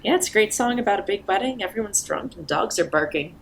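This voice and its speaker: A woman's voice: mid-range voice, lively intonation, quick pace, a little hiss or hum. Bubbly playful female guest. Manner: bubbly, playful, laughs easily. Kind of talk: casual chat.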